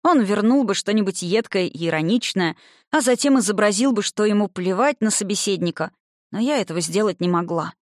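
Woman narrator, expressive audiobook reading, mid pitch, dry close mic. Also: brisk, no echo. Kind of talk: first-person novel reading.

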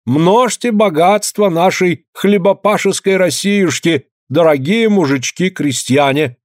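A man's voice: high voice, unhurried, no room sound, clean studio sound, voice pushed up. A man reading a pompous male official. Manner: pompous, declaiming. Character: haughty male official, imperious preacher.

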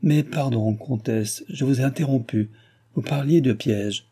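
A man voicing an old, suave and imperturbable male courtier in an audiobook, smooth, ironic and flattering. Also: medium pitch, measured pace, voice pushed up.

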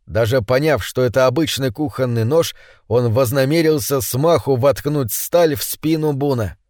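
A man narrating an audiobook with measured, dramatic reading. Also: medium pitch, darkish tone, dry recording, studio quality. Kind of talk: scripted narration.

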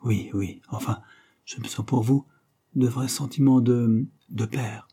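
A man's voice: medium pitch, steady tone, a little slow, creaky, warm tone, slightly rough. A man voicing a fussy, sentimental elderly English invalid who repeats himself and hesitates. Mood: fond. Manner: fond of repeating words, hesitant.

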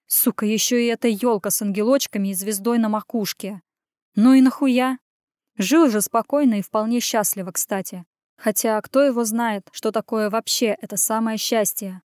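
A woman reading a first-person audiobook as a male hero, in a gruff, sardonic way. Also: fairly high pitch, a little mellow, no room sound, clean studio sound. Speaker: audiobook narrator. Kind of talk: scripted first-person narration.

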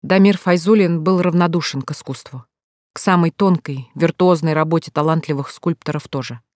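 An audiobook narrator reading a novel in an even, measured storytelling voice. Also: mid-range voice, dry recording, studio quality. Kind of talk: scripted narration.

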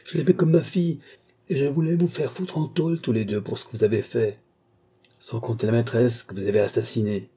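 A man's voice: medium pitch, steady tone, brisk, warm tone, husky. A man voicing an indignant accusing young man.

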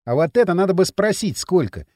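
A man's voice: high-pitched, lively intonation, fairly quick, darkish tone, dry recording, clean studio sound. A man voicing a grumpy, restless teenage boy in an audiobook, blunt and sarcastic. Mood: scheming. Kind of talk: audiobook character reading.

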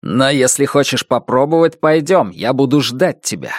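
A man's voice: mid-range voice, expressive, normal speed, dry recording, natural voice. A stern young violinist gives clipped, commanding orders, as a man reading the tale voices him. His tone is harsh and gives no ground. The sound is dry and close. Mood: bitter. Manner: curt, commanding. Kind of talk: audiobook reading.

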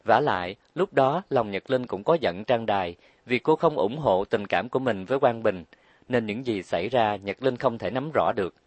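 A man narrating an audiobook in a calm, steady reading voice. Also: on the low side, normal speed, dry recording.

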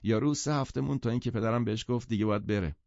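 A male audiobook narrator voicing a cool, languid young woman with a soft drawl, in a dry, muffled recording. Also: on the low side, dry recording, voice pushed up, lightly acted. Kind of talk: audiobook character voice.

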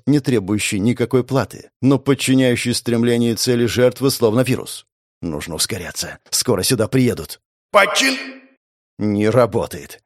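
A man narrating a first-person audiobook in a gritty, sardonic way, cursing often and dropping into low mutters. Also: a little mellow, no echo, studio quality.

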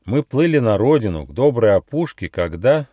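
A man's voice: mid-range voice, sing-song, normal speed, no echo, voice pushed up. Man doing a polite little gnome. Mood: earnest, polite. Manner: polite, earnest, soft-spoken. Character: small polite male gnome, earnest and gentle.

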